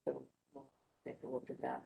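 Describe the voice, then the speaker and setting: A woman's voice: brisk, mellow. A woman board member at a meeting, thinking aloud in fragments as she speaks. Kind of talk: meeting discussion. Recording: dull lo-fi audio with faint noise.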